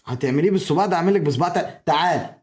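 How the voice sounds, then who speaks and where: An Egyptian man with a high, rapid voice keeps up goading banter during a live-stream prank. He teases relentlessly and breaks into shouts now and then. The room is echoey, with faint background noise. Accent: Egyptian Arabic. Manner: teasing and goading, sometimes shouting. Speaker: streamer running a prank on a live video call.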